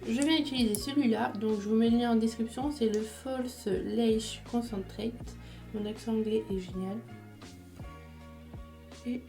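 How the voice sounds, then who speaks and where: A woman's voice: on the high side, dark tone. A woman chatting casually through her makeup routine step by step, with small fillers as she goes. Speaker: beauty vlogger.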